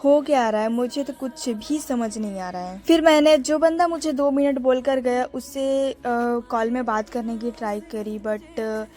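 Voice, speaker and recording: A young woman vlogger narrates her own vlog in a relaxed, chatty way, speaking directly to her viewers and calling them friends. Her voice is a little high and her pace measured, with faint music underneath.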